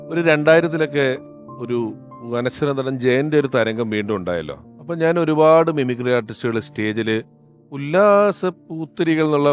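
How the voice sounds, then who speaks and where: A man's voice: medium pitch, clear, resonant tone. A man hosting a chat show who asks questions and gives formal, flowing introductions of his guests. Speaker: host.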